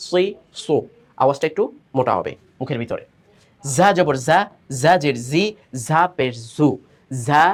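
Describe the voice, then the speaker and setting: Male teacher, slightly higher voice, patient syllable drills, explains tongue placement. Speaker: Quran recitation teacher. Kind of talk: step-by-step pronunciation lesson.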